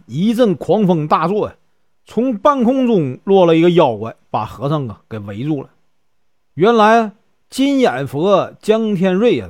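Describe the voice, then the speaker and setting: A man from Northeast China with a Northeastern Mandarin accent, telling a folk tale in a chatty style full of drawn-out particles. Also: high voice, dry recording, studio quality. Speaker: storyteller. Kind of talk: traditional folk storytelling.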